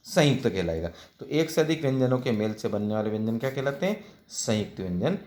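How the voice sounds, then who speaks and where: A man teaching a children's grammar lesson, asking questions and answering them himself, spelling words out slowly and mixing in English words. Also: medium pitch, big pitch swings, darkish tone. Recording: echoey room.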